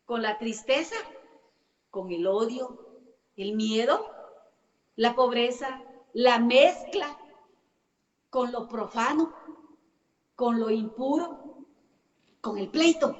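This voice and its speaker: Woman preacher, high voice, emphatic repetition, distant mic, dull muffled recording. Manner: emphatic, repeats phrases in long lists. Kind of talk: church sermon. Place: church. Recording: echoey hall, distant mic, dull sound.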